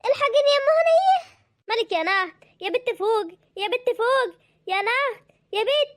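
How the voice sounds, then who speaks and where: A woman playing a fretful village mother, very high. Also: animated, brisk, a bit bright, no echo, clean studio sound. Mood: panicked. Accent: Egyptian Arabic. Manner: fretful, pleading. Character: anxious middle-aged village mother. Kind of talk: amateur drama voice acting.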